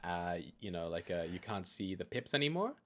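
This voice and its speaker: A man with a fairly low voice co-hosting a casual gaming podcast. He chats loosely and easily, filling his talk with likes and you knows. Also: very animated, moderate pace. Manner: chatty, laughs easily, lots of fillers. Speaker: podcast co-host.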